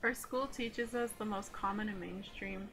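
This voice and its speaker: A woman voicing a pretentious, indignant student in a game, pompous and deliberate. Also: mid-range voice, steady tone, gravelly, a bit bright. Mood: solemn, indignant. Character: pretentious scowling hipster student, solemnly indignant. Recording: music behind the voice.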